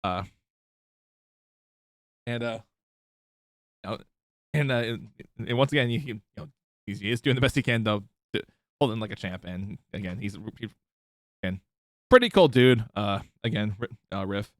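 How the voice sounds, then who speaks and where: A man streaming, giving casual commentary over a video clip, halting and full of fillers and restarts. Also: on the low side, dry recording, clean studio sound.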